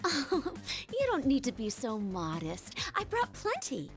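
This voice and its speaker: A woman's voice: high-pitched, huge pitch swings, unhurried, faint music behind, heavily acted. An actress playing a sweet, sincere and oblivious teenage schoolgirl in a video game. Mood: cheerful, oblivious.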